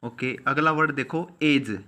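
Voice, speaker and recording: A man teaching a shorthand class, slowly repeating each step and checking in with the students. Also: mid-range voice, bright, forceful tone. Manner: slow, repeats each step aloud, often says "theek hai". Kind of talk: classroom lesson.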